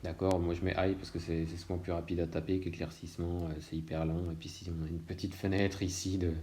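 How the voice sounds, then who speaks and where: Low, mellow-voiced man explaining. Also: a little fast. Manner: relaxed, thinking aloud with many hesitations. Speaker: illustrator teaching software. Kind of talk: screen-recorded tutorial.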